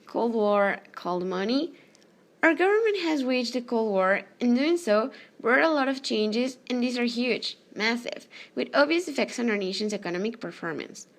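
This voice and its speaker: A woman's voice: on the high side, expressive, moderate pace. A woman reading a scripted news report, occasionally stumbling over her words.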